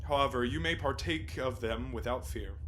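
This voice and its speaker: An actor playing a proud, courteous, impassioned sea captain in a theatrical radio play, speaking in a formal, declamatory way. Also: male voice, medium pitch, moderate pace, fairly bright tone, lightly acted. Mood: proud, hospitable. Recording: clear background noise, live stage recording.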